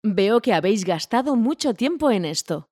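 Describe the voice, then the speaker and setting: A woman reads a scripted practice dialogue at a mid pitch. Her questions rise and fall with plenty of melody, and her reading is clear and attentive. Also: very animated, normal speed, darkish tone. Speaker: dialogue reader. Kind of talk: scripted language-learning dialogue.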